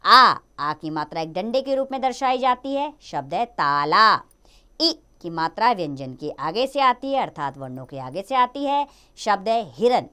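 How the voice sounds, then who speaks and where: A woman teaching a grammar lesson to children, drawing out each letter and example word slowly. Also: mid-range voice, fairly bright tone, clean tone. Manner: slow, drawn-out teaching of each letter and sound.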